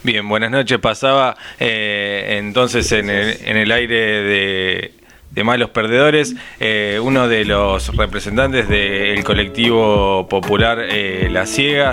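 A man hosting a radio talk show, speaking in a measured way with pauses and fillers. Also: on the low side. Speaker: radio host. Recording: music bed under the voice.

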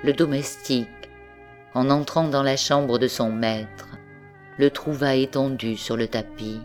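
Woman narrating an audiobook, very slow measured reading, faint music underneath. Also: extremely low pitch, fairly even intonation, a little mellow. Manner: measured, unhurried reading with dramatic pauses. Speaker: audiobook reader. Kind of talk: scripted literary narration.

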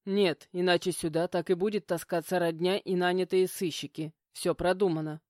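A woman voicing a middle-aged male academy director who is calm, cold and falsely gentle. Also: fairly low pitch, moderate pace, dry recording, clean studio sound, close to an everyday voice. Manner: calm, mock-gentle, sneering.

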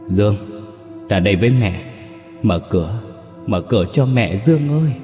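A man voicing a ghostly thing that fakes a mother's voice, hoarse and pleading, in a spoken horror story. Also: fairly low pitch, lively intonation, slow pace, a little mellow, in a large hall, soft background music, voice pushed up.

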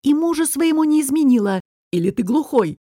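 A woman's voice: high-pitched, animated, a little fast, dark tone, no echo, clean studio sound, voice pushed up. A woman voicing a bold male nobleman who speaks wryly and firmly.

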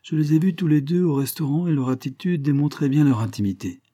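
A dogged police inspector delivers his report in a precise, matter-of-fact way, as a man reading the story puts him on. The voice sits a little higher than plain narration, dark and husky, recorded dry and close. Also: brisk, no echo, close to an everyday voice.

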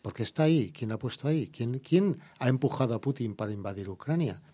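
A man's voice: medium pitch, animated, quick pace, warm tone. A man with an Andalusian Spanish accent, an environmental activist guest in a radio interview, talking heatedly and firing off rhetorical questions.

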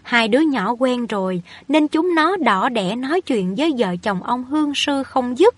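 A woman reading a novel aloud as an audiobook narrator, in a steady, even storytelling manner. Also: sits high, normal speed, slightly rough, dry recording. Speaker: audiobook reader.

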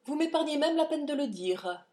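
A woman voicing a cold, ironic male count who threatens with smooth, polite cruelty, in an audiobook reading. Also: medium pitch, expressive, slow pace, a little mellow.

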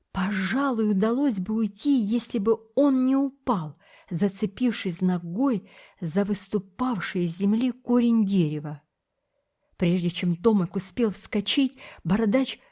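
Woman, audiobook narrator, children's adventure story, expressive, steady, mellow dark tone. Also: medium pitch.

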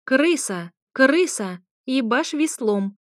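A brash male parrot yells in shrill, repeated squawks, high and loud, as a woman reading the story puts him on. The storybook voice is close and dry, with no room around it. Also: lively intonation, takes it slowly, dry recording. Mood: squawking.

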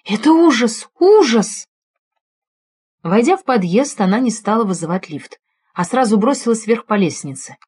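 A woman narrates a crime story aloud, her voice rising and falling with lively, animated pitch. Her delivery is dramatic and expressive, in audiobook storytelling style. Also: fairly quick, breathy edge. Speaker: audiobook reader. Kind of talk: first-person scripted narration.

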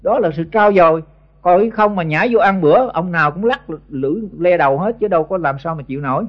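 A man's voice: high-pitched, fast talker, dull audio. An older man with a Southern Vietnamese accent giving a blunt, scolding Buddhist sermon to monks, often stumbling over repeated words, on an old tape recording. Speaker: Buddhist monk teacher.

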